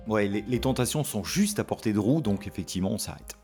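A man's voice: fairly low pitch, lively intonation, fairly quick, darkish tone, faint music behind. A man hosting a travel podcast, chiming in with short practical asides. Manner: adds brief advisory asides. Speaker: podcast host. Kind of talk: conversational podcast.

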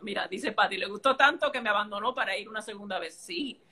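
Bright-voiced woman telling a heartfelt story. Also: medium pitch, fast. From a Caribbean island. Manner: emotional, vivid storytelling with sound fillers. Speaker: podcast conversation partner. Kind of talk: casual chat.

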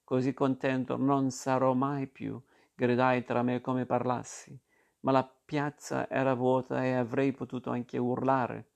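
Male audiobook narrator, mid-pitched, gravelly, even, unhurried literary reading.

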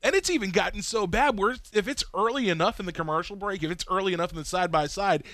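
A man co-hosting a casual racing podcast, an animated storyteller who acts out quotes. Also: sits high, quick pace, no echo. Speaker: podcast co-host. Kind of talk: casual chat.

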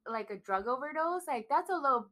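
A young woman trading opinions in a casual chat, blunt and quick to swear. Her voice sits a touch high and sounds bright and forward. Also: animated. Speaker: podcast co-host.

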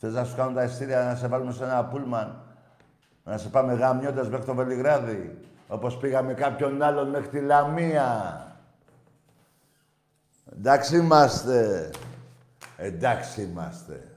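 A man's voice: mid-range voice, darkish tone, echoey room. A man hosting a casual phone-in show, talking in a brash, profane way. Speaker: call-in show host.

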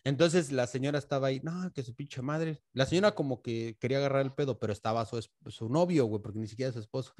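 A young man with a Mexican accent spins a story for his friends, loose and slangy, peppering his talk with swearing. His voice sits at an ordinary male pitch, and he slips into the voices of the people he describes. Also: fast, hardly any pauses, a little mellow. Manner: slangy and profane, acting out other people's lines. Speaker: storyteller in a group chat. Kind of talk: casual storytelling among friends.

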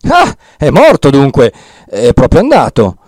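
A man's voice: mid-range voice, normal speed, no room sound, clean studio sound, close to an everyday voice. A man voicing a timid, fussy old village priest who rambles and frets in an audiobook reading. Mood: relieved, gloating. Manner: fretful, rambling, excitable.

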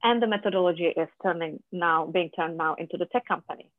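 A guest from Czechia with a Czech accent and Czech as a first language, speaking in a halting way with many fillers and restarts in a conversational interview. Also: medium pitch, no echo. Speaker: podcast guest, business founder. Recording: dry, tinny phone line.

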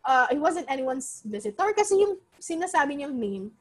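A woman's voice: sits high, normal speed. A young woman casually telling a story, mixing Filipino and English with many fillers. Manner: animated, Taglish code-switching, many fillers.

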